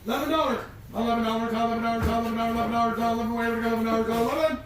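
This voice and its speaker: Echoing heavily from some distance, a man calls an auction in a very high voice. He rattles off bids in a repetitive auctioneer's chant, folksy and urging. Noise sits clearly in the recording. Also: fairly even intonation, fast. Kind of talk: rapid repetitive auctioneer bid-calling chant. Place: live auction sale, off the mic. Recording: distant, echoey, clearly noisy live auction.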